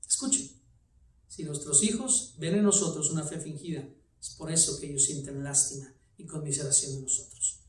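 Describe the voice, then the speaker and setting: A man preaching a sermon as a guest pastor, swinging from loud shouts to low quiet lines. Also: normal speed. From Texas, United States. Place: church sanctuary. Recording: echoey church from a distant mic.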